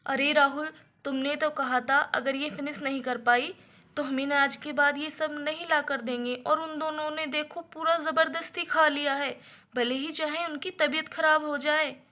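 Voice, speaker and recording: A woman's voice: high-pitched, fairly even intonation, moderate pace, pushed and bright. A woman voicing a worried young mother in a doll story. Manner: fussing, anxious.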